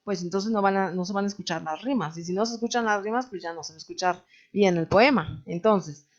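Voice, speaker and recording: A woman teacher with a Mexican Spanish accent explains verse and rhyme step by step, often pausing to check that her students follow. Her voice sits at a middle pitch. The recording sounds a little dull and lo-fi. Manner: patient, explanatory, often asks "¿no?". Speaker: literature teacher. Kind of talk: recorded online class.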